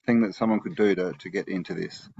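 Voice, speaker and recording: A man hosting an interview, asking his questions haltingly with many fillers. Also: low voice, gravelly, a little mellow, slightly rough, no echo, highs cut off. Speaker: podcast host. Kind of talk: casual interview talk.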